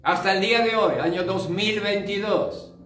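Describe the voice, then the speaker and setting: A man's voice: sits high, fairly even intonation, moderate pace, a bit bright. An older male pastor giving a fervent sermon testimony, dropping in short English asides. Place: church. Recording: roomy church sound, distant mic, faint music.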